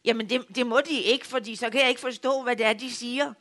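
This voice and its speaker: A man voicing a patient male country doctor on the phone, courteous, formal and quietly puzzled, speaking lower and softer than his own voice. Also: fairly even intonation, exaggerated voice. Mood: polite.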